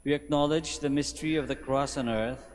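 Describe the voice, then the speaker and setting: A man's voice: medium pitch, fairly even intonation, slight background noise. Man praying with cathedral echo. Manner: measured, solemn intoning. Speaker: priest leading prayers. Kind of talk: liturgical prayer recitation. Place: large church. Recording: long cathedral reverb.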